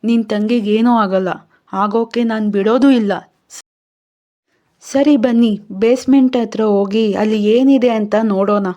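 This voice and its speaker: A woman voicing a steady, protective young male reporter in a storybook reading, reassuring and taking charge. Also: fairly high pitch, unhurried, highs cut off, close to an everyday voice. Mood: urgent.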